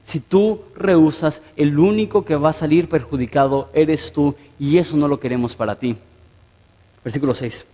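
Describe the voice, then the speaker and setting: A man's voice: on the high side, normal speed, warm tone, big-room sound. A man preaching a sermon as pastor, earnest and emphatic, lifting his voice on quoted prayers.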